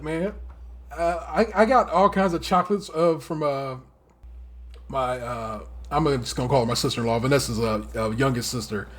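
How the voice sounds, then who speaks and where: A man co-hosting a casual podcast, talking in an animated way, laughing often and swearing freely. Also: a little high, breathy edge. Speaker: podcast co-host.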